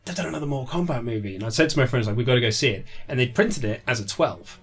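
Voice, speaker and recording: A British author in his thirties, a guest in a casual interview, tells anecdotes very fast and acts out quotes along the way. His mid-range voice is a bit bright with lively intonation, and music plays in the background.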